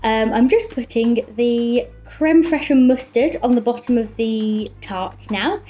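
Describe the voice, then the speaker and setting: A woman with a fairly high, dark-toned voice speaks at a measured pace. She's a home cook chatting cheerfully and casually while walking through a recipe in her kitchen. The roomy indoor space carries music and the clatter of dishes.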